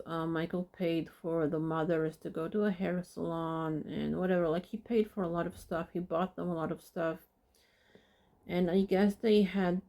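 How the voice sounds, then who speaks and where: A woman hosts a podcast, talking slowly through a documentary in a casual, hesitant way. Her voice is lowish and gravelly with vocal fry. She drops in the odd dry, sarcastic aside. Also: a little mellow. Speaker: podcast host.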